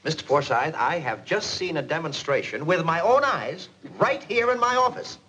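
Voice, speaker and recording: An actor playing an excitable middle-aged businessman boss in a 1940s film, blustering and theatrical. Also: fairly high pitch, moderate pace. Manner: blustering, theatrical, swings from loud to hushed. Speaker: company boss. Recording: old film soundtrack with faint hiss.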